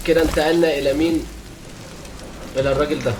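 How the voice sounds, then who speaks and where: A man with an Egyptian Arabic accent giving excitable let's play commentary, repeating phrases over and over as he reacts. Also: on the high side, quick pace, background noise. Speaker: gaming channel host. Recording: loud game music under voice. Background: loud game music.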